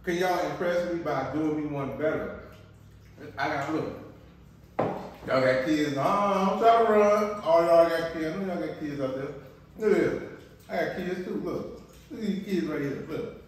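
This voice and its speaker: A little high and a little slow, with long pauses, this man co-hosts a family vlog alongside his wife, chatting casually and playfully to the camera over breakfast and restarting a lot. The recording has roomy echo, faint noise and a distant mic.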